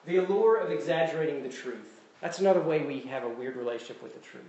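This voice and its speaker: A man's voice: on the high side, expressive, quick pace, a little mellow. A man with a Southern US accent preaching a sermon as pastor, conversational and self-deprecating, repeating his key phrases. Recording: echoey room with faint ambience.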